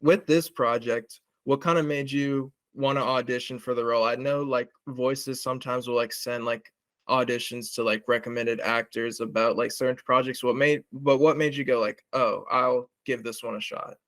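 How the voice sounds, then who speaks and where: A man's voice: mid-range voice, fairly even intonation, normal speed, a bit bright, no room sound. A man interviewing a voice actor, casual and laid-back, saying "like" often. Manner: laid-back, many "like" fillers. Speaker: interviewer, project maker.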